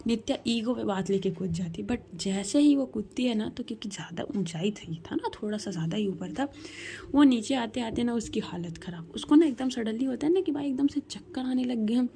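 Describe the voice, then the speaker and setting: Chatty woman storyteller, mellow voice. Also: fairly high pitch, lively intonation, brisk, vocal fry, a little hiss or hum. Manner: chatty, addresses listener as 'bhai'. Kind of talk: casual spoken story narration.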